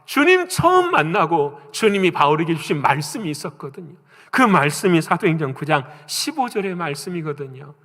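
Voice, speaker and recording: A man preaching a Sunday sermon as a pastor, moving between raised, emphatic lines and hushed, whispered asides. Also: on the high side, sing-song, fairly quick, few pauses. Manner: dramatic swings between loud acted quotes and hushed whispers. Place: church sanctuary. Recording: long church hall reverb.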